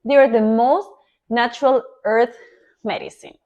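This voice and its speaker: A woman's voice: fairly high pitch, fairly even intonation, measured pace, muffled recording. A woman from Spain with a Spanish accent, in her thirties, introducing her cooking show as an olive oil sommelier in an enthusiastic, emphatic way. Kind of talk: scripted introduction to camera.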